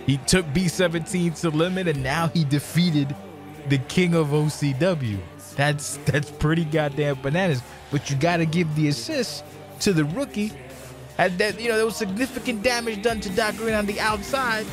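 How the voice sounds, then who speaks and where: A man giving conversational color commentary on wrestling, casual and salty, with halting phrasing. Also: a little high, music in the background.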